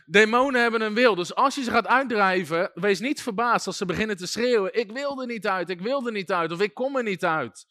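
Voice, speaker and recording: A man teaching a sermon-style Bible school class, telling stories with lively voices for shouting demons and chuckling often. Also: on the high side, no room sound.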